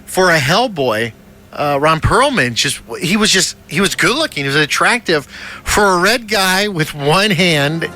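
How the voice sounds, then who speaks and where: Bright-voiced man hosting a chatty podcast. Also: on the high side. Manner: loose, opinionated, trailing off mid-thought. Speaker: podcast host. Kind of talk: casual chat.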